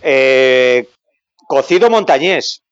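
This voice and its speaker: A man's voice: mid-range voice, expressive, very slow, smooth. A man calling in by mobile phone as a podcast guest, chatting casually and joking with a chuckle. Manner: joking, chuckling between remarks. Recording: dry lo-fi phone audio.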